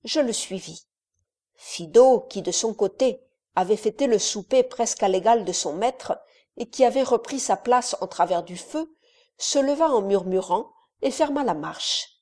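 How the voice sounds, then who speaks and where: A woman narrating a classic novel as an audiobook, in a measured storytelling manner. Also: fairly high pitch, lively intonation, warm tone.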